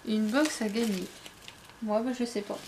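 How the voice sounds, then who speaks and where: Indoors at home, a young woman unboxes a book box while chatting casually to the camera, with plenty of fillers and restarts. Her voice is medium-pitched at a moderate pace, with background noise present.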